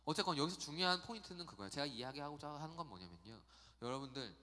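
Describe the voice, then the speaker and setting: A man giving a youth sermon in a church, chatty and animated, telling stories and acting out quotes. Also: a little high, quick pace, in a large hall. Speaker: youth pastor. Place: church sanctuary.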